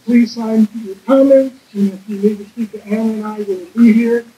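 A woman organizer giving relaxed, self-joking closing remarks to a crowd outdoors. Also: a little high, normal speed, a little hiss or hum, rough recording. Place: outdoor park plaza.

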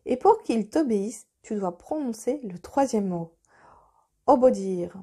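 A calm, stern master sorcerer from a children's storybook, voiced by a woman reading the tale. He speaks slowly and solemnly in a soft, mellow tone. The delivery stays measured and grave. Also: fairly high pitch, husky.

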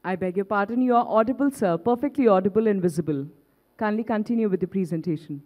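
A woman's voice: mid-range voice, fast, dark tone. A woman moderating a conference, introducing the speaker in a polite, formal way. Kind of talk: formal event hosting.

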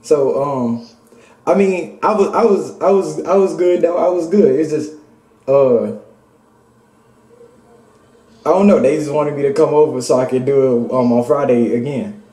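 Mellow-voiced young man stammering, roomy and distant. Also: on the high side, normal speed. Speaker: prank caller on a phone call. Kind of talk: casual phone prank.

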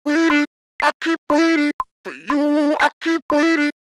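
A man's sung vocal, run through a formant shift so it sounds high and chopped, with harsh cuts at the word ends. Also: unhurried, fairly bright tone, no room sound, clean studio sound, soft background music. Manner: sung in a repeated looped phrase. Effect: formant-shifted, pitched-up vocal chop. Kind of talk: short sung vocal sample.

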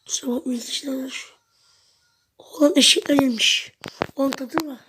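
Brief: woman gameplay host, high and even-toned, chatty self-talk with sudden shouts, faint hiss and clicks behind. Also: normal speed. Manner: chatty, talks to herself and viewers, sudden loud outbursts. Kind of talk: casual gameplay commentary.

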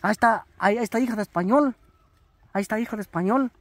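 A man from Oaxaca, answering questions in halting, repetitive murmurs during a casual chat. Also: high-pitched, no echo. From Oaxaca, Mexico. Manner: halting, repeats himself, answers in short murmurs. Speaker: interviewee.

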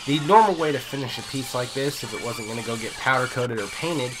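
A man's voice: mid-range voice, brisk, background noise. A man with a head cold and a nasal voice, casually narrating a metal fabrication build as the channel host, with fillers and restarts.

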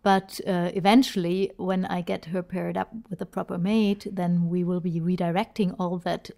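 A woman's voice: on the low side, flat delivery, normal speed, vocal fry, warm tone, no echo, clean studio sound. A woman talking as a parrot trainer in a chatty, enthusiastic voice-over, with small fillers. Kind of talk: instructional voice-over narration.

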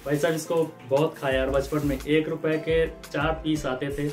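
Soft music plays behind a man in his thirties from India as he unboxes groceries for his vlog in a room with a green screen and purple backdrop. Casual and animated, he uses his hands as he talks, his voice on the high side at a moderate pace.

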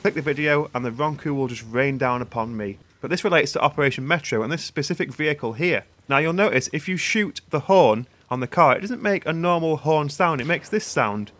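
A man's voice: fairly high pitch, animated, brisk, few pauses, fairly bright tone. A British man doing sarcastic, mock-serious parody news anchor commentary for a gaming channel. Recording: gunfire and game noise behind voice. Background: video game gunfire.

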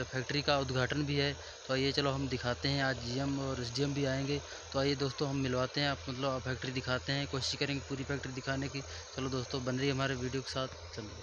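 A man in his thirties with an Uttar Pradesh Hindi accent, filming a casual phone vlog outdoors and repeatedly addressing viewers as friends. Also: medium pitch. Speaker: vlogger. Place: outdoors by sugarcane fields and a factory yard. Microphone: phone selfie at arm's length. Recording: noisy outdoor phone recording.

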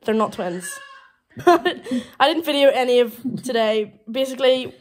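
A woman's voice: sits high, expressive, unhurried. A young Scottish woman, a university student, chatting casually to her phone camera and giggling often. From Scotland. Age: young adult. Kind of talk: casual vlog chat.

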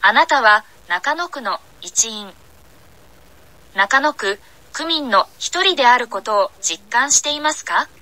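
A woman making an election loudspeaker announcement, addressing passers-by deliberately, phrase by phrase. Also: on the high side, expressive, poor audio. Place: outdoor paved city plaza.

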